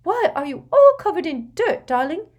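A woman voicing a shrill, fussing middle-aged mother who shrieks in frantic panic. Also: very animated, normal speed, darkish tone. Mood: fretful.

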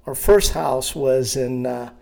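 A man in his sixties from Iraq, telling his life story in an interview with a hesitant, halting manner and many fillers. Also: mid-range voice, vocal fry, dark tone. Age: 60s. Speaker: guest.

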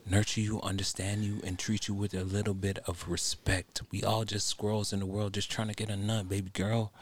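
Low-voiced man, faintly noisy podcast recording. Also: flat delivery, a little fast. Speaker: podcast co-host. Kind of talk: casual slangy group chat.

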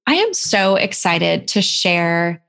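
A woman's voice: on the low side, big pitch swings, slow, gravelly, fairly bright tone. Upbeat woman hosting a podcast. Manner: enthusiastic, effusive. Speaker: podcast host and executive coach.

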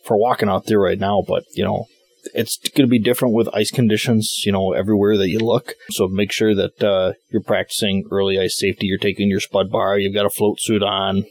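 A man's voice: on the low side, level tone, brisk. A man giving a casual, rambling fishing report as an interview guest, often saying "you know". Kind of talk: casual chat. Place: inside an ice shelter on display at a shop.

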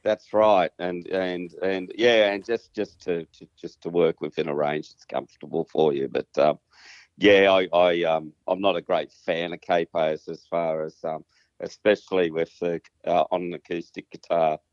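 A man's voice: low-pitched, fairly even intonation, normal speed. A man with an Australian accent chatting casually as a musician guest in an interview, hesitant, rambling and modest about himself. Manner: hesitant, rambling, self-deprecating. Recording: muffled, roomy sound.

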